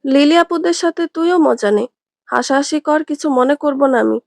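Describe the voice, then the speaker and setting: A woman's voice: sits high, moderate pace, creaky, no room sound, studio quality. A woman voicing a spoiled, tearful young woman who talks in a whiny, pouting way.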